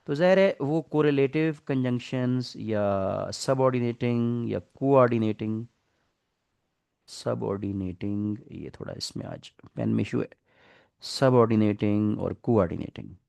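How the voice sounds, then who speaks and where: A man's voice: mid-range voice, animated, unhurried, gravelly, a little mellow, clean tone. A middle-aged man with a Pakistani Urdu accent, lecturing an online English class, patiently explaining grammar and asking the students questions. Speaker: English teacher.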